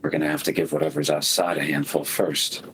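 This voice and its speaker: A man's voice: rumbling low, little pitch movement, a little fast, a bit bright, slightly rough. A man playing in a tabletop game, speaking tersely and dryly in character. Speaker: player.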